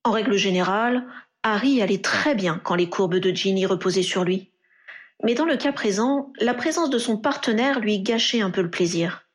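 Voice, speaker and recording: A woman's voice: mid-range voice, normal speed. Woman narrating a story steadily. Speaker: reader. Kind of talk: fan fiction audiobook narration.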